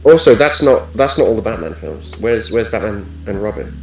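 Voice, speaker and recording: A man's voice: fairly low pitch, a little fast, slight background noise. A man co-hosting a livestream in casual chat. He talks in a chatty, joking way, and his mic has a hollow, cave-like echo. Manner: chatty, joking, lively storyteller. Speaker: livestream co-host. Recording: echoey mic, faint music behind.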